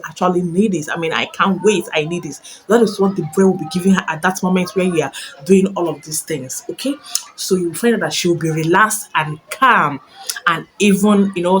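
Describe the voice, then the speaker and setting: Low-voiced woman giving chatty advice. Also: a little hiss or hum, low-quality recording. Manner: repeats phrases, tags lines with "okay?". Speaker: relationship advice vlogger. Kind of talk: casual instructional talk to camera.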